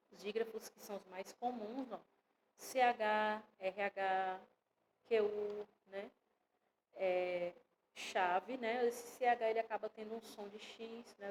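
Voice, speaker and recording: A woman's voice: medium pitch, a little mellow, a little hiss or hum, rough recording. A woman with a Brazilian Portuguese accent teaching an online grammar lesson to children, explaining step by step and often checking in with her students.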